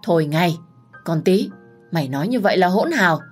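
A woman's voice: sits low, normal speed, soft background music. A woman voicing an older mother-in-law, the mistress of the house, speaking firmly and with authority. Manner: commanding, then soothing.

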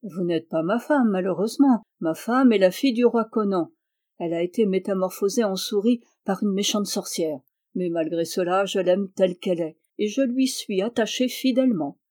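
A woman's voice: mid-range voice, normal speed, mellow, close to an everyday voice. A woman voicing an earnest, faithful young prince who speaks respectfully.

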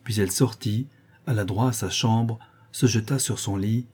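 A man narrating a classic novel aloud in a steady, measured way. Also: lowish voice, husky. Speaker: audiobook reader. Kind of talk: audiobook narration.

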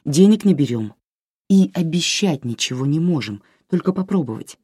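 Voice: mid-range voice, animated, moderate pace, warm tone, husky, no echo, studio quality. An audiobook reader voicing a confident young woman volunteer who speaks matter-of-factly.

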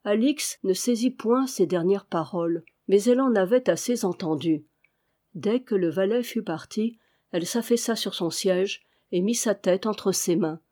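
A woman reads a classic adventure novel aloud. Her narration is measured and expressive. Her voice has a mellow, warm tone. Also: mid-range voice. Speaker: audiobook reader.

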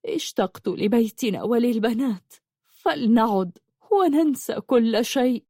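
A woman voicing a gentle, loving wife and mother who speaks softly and emotionally, in a dry close recording. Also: fairly high pitch, expressive, moderate pace, no echo. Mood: longing. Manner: soft, emotional, pleading.

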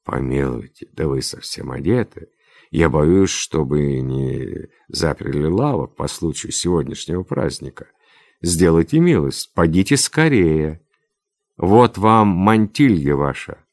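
A man's voice: rumbling low, animated, unhurried, darkish tone, no echo, exaggerated voice. A man reading aloud, playing a domineering general who presses his suit insistently in a storybook tale. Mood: brisk. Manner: insistent, wheedling then commanding. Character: domineering older general, pushy suitor.

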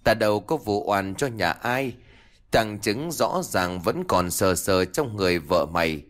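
A man's voice: on the low side, expressive, measured pace, fairly bright tone. A man voicing a cruel, scheming old village woman who scolds and taunts in a ghost story. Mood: scornful.

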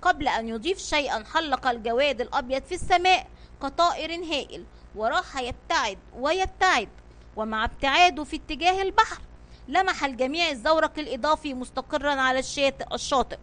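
A woman narrating a children's audio story in an expressive read-aloud manner. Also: sits high.

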